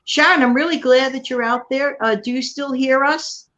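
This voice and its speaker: A woman from New York City hosting a casual livestream chat, talking warmly and at length to her viewers and co-host. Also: high voice, steady tone, moderate pace. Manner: chatty, warm thanks to viewers and co-host. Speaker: channel host.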